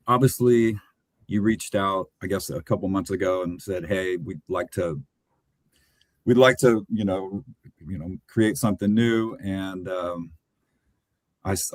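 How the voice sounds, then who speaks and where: A man, a web designer, explaining his work on a video call in a relaxed, hesitant way with many fillers. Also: low-pitched, no room sound.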